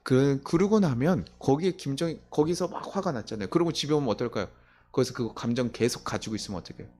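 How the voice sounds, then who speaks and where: A man's voice: medium pitch, lively intonation, fast talker, darkish tone. A man preaching a sermon as pastor in a church, talking conversationally with many rhetorical questions and chuckling at his own stories.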